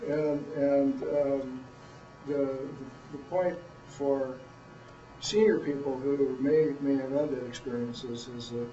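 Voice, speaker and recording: Blunt, mellow-voiced man judging, distant and echoey. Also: medium pitch, fairly even intonation, faint music behind. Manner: blunt, plain-spoken, halting. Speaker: judge critiquing a student presentation. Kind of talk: informal spoken feedback. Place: room, far from the microphone. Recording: roomy, dull, distant microphone.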